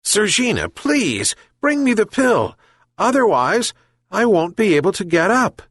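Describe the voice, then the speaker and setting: A man's voice: a little high, wildly swooping pitch, moderate pace, a bit bright, breathy edge, no echo, clean studio sound, pitched above the performer's own voice, full character voice. A man voicing a kind, sick old fisherman who calls out for his pets. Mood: pleading. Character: kindly old male fisherman, ill, pleading.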